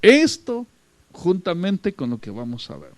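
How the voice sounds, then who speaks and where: A man's voice: high voice, wildly swooping pitch, a little slow, no room sound. A man preaching a sermon, emphatic and repetitive, often addressing his listeners as brother.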